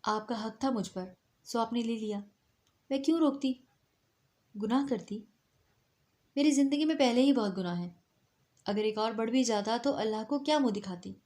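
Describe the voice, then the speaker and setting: A cool, aloof young wife who answers in a flat, detached manner, voiced by a woman in an audio novel reading. Her tone runs slightly high. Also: pauses often, close to an everyday voice. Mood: cold. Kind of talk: storybook reading.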